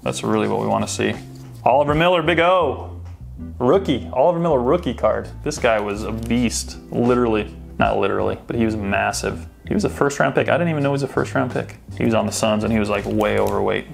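Faint music sits behind this man's voice, which is on the low side, fairly quick, and marked by vocal fry. Hosting a sports card pack opening, he casually talks and reasons aloud about the cards he's sorting.

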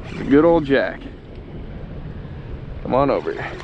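A man giving casual, excited fishing commentary from a small boat, chatting to the fish as he reels them in, recorded on a head-mounted action camera. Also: mid-range voice, unhurried, highs cut off. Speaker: fishing vlogger. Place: outdoors on a small boat on open water. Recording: wind and water noise outdoors.

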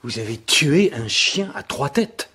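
An actor playing a solemn, easily needled Elizabethan scholar and astrologer in a radio drama, measured in manner. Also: male voice, mid-range voice, big pitch swings, bright, forceful tone, husky, full character voice. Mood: grave. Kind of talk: French radio drama acting.

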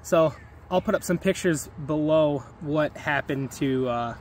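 A man in his thirties talks slowly and easily, rambling with fillers in a slightly high voice. He films himself on a handheld camera out in a yard, with faint outdoor sound behind him. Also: slight background noise. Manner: laid-back, rambling with fillers. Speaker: vlogger. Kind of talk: casual vlog walkthrough. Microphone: handheld camera at arm's length.

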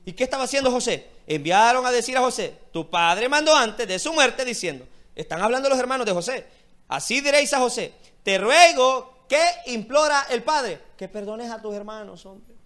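A man's voice: very high voice, animated, normal speed, fairly bright tone. A man pastor preaching a sermon, speaking directly to his listeners with fervent emphasis. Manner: impassioned preaching, repeated direct address to listeners.

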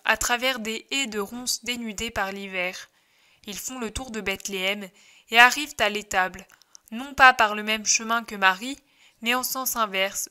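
A woman narrating a devotional religious text in a steady, gentle reading style. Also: mid-range voice. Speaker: audiobook reader.

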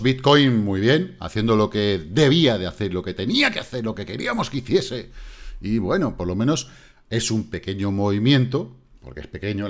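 A man with a Spain Spanish accent giving casual crypto market commentary as host, blunt and mocking, swearing casually. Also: medium pitch. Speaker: crypto trading YouTuber. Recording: distant megaphone-shouted opening.

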